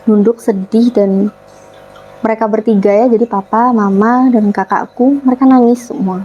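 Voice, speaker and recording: A young woman from Papua, Indonesia, relaxed and chatty as an interview guest, telling her story and acting out her family's words. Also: on the high side, moderate pace, muffled recording. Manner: relaxed, acts out family dialogue in quotes.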